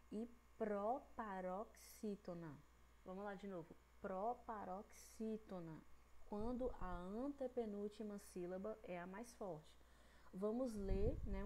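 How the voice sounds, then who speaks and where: Patient Brazilian teacher, mellow voice. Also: female voice, mid-range voice, a little hiss or hum, low-quality recording. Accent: Brazilian Portuguese. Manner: patient, drawn-out syllables, frequent "né?" and "certo?" checks. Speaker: primary school teacher. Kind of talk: online grammar lesson.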